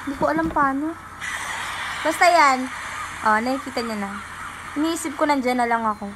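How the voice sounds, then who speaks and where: A woman's voice: sits high, moderate pace, heavy background noise. A young woman from the Philippines chatting politely on a livestream, answering fans and reading out their comments. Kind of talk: casual livestream chat.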